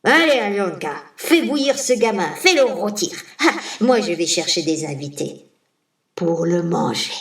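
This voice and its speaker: A woman's voice: lowish voice, expressive, a little slow. A storyteller voicing Baba Yaga, a greedy old witch ogress who sing-songs sweet calls and barks orders, heard from a distance in a roomy space. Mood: bossy. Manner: wheedling sing-song calls, then barking orders.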